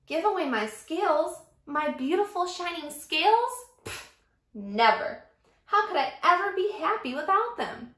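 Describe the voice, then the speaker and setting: A woman's voice: extremely high pitch, big pitch swings, unhurried, fairly bright tone, reverberant, voice pushed up, exaggerated voice. Woman doing a vain, haughty fish. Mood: scoffing. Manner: haughty, scornful. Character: proud vain young male fish.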